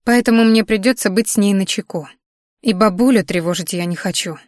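A woman's voice: medium pitch, brisk, a little mellow, no room sound, studio quality. A woman reading a first-person romance novel aloud, intimate and emotional in tone. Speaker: audiobook narrator.

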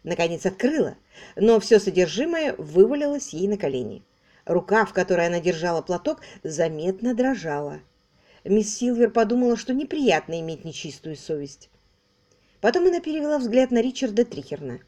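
A woman narrating an audiobook novel in a calm, even reading voice. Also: medium pitch, moderate pace. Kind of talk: scripted narration.

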